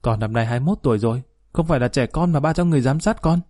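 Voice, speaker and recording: A defiant young son from a storybook reading, sulky and scornful as he argues , read by a man. His voice is mellow and dry. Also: medium pitch, very fast, dry recording, close to an everyday voice. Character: defiant 21-year-old son.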